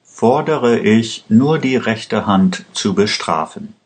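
A man voicing a sly, scheming defense lawyer who speaks smoothly. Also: fairly low pitch, animated, takes it slowly, pitched above the performer's own voice.

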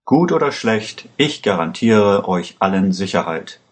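A man reading a story aloud, voicing a corrupt policeman who speaks calmly, steadily and with command. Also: fairly low pitch, measured pace. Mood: calmly threatening. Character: calm menacing corrupt male policeman.

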